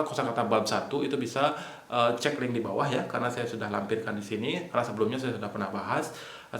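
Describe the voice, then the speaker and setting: A man teaching a casual online language lesson, explaining slowly step by step and repeating key points. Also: mid-range voice, a bit bright. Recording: echoey room.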